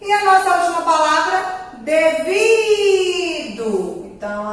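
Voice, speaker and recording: Woman, Brazilian accent, primary teacher, sing-song lesson voice, high pitch, echoey room heard from a distance. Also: a bit bright. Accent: Brazilian Portuguese. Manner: sing-song, drawn-out words for young pupils. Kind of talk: recorded grammar lesson for children.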